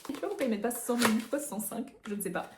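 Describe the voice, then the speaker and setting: Woman rambling through an unboxing, kinda high voice, echoey room. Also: racing, noisy background. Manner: chatty, rambling with many fillers and little laughs. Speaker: nail artist reviewing products. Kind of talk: casual unboxing vlog.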